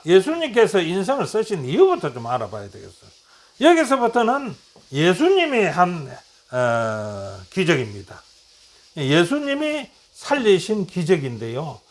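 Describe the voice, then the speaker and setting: A man's voice: high-pitched, huge pitch swings, unhurried. A middle-aged man teaching a Bible lesson, retelling stories and acting out quoted lines, asking and answering his own questions.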